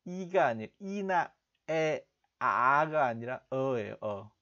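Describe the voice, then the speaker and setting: A man teaching English listening, slowly repeating and breaking down phrases as he explains them. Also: mid-range voice, lively intonation, bright, forceful tone, dull audio. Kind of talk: explanatory language lesson.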